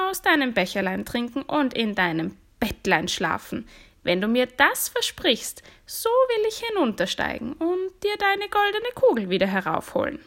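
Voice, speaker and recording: A woman voicing a fat, ugly male frog from a fairy tale who pleads and bargains in a high, squeaky voice. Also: fairly bright tone.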